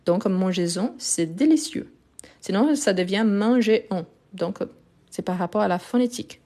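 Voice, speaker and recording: A woman's voice: mid-range voice, lively intonation, normal speed, warm tone. A woman giving a live online grammar lesson, explaining patiently and repeating the key words, recorded on a phone. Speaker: French teacher. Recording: phone live stream, slightly lo-fi.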